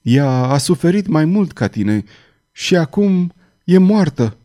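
A man reading aloud plays a middle-aged cardinal torn apart by lost love, pleading and crying out with a dark, mellow voice. The lines rise and break with despair, as in a spoken storybook. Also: medium pitch, lively intonation, close to an everyday voice. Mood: desperate. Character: anguished middle-aged male cardinal, desperate lover.

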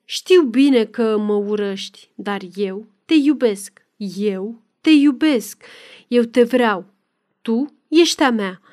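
A woman's voice: a little high, lively intonation, a little mellow, natural voice. A woman voicing Cezar, a snarling nobleman. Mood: snarling passion. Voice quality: hissing, snarling words. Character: violent, obsessive male nobleman in a fury.

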